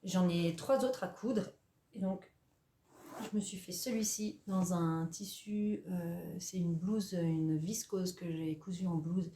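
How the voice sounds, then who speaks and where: A woman's voice: on the low side, takes it slowly. Chatty woman in an echoey room. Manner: chatty, animated, self-mocking with filler hesitations. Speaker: knitting and sewing podcaster. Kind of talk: casual chatty craft vlog. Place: at home, indoors.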